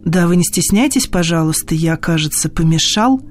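A woman's voice: lowish voice, expressive, moderate pace, faint music behind, pitched below the performer's own voice, natural voice. A woman voicing a pompous, indignant male suitor in an audiobook of comic stories, speaking in a dry, haughty, sarcastic lecturing manner. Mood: stiffly polite.

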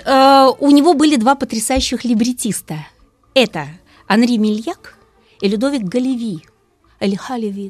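A woman guest speaking as a music expert, explaining things lively and asking rhetorical questions. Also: a little high. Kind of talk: radio talk about opera.

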